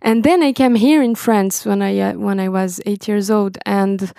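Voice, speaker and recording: A woman's voice: medium pitch, fairly even intonation, moderate pace, vocal fry, warm tone, dry recording, clean studio sound. A young woman from Brazil, speaking as a guest on a video call from home and stopping often to search for words. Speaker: guest musician. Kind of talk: interview conversation. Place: home, indoors.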